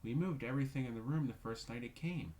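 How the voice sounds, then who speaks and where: A man's voice: medium pitch, fast talker, dark tone, a little hiss or hum, close to an everyday voice, rough recording. A man playing a weepy, frightened sister. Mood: fearful. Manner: wailing, choked with fear. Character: fearful, weepy woman, grieving sister.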